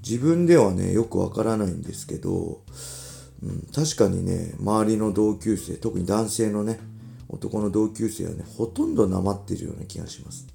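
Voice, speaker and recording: 40s guy from ibaraki rambling on his podcast, real gravelly low voice, faint guitar music behind. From Ibaraki, Japan. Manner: relaxed, chatty, with frequent filler asides. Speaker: podcast host, former pro fighter. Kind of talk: casual solo podcast talk.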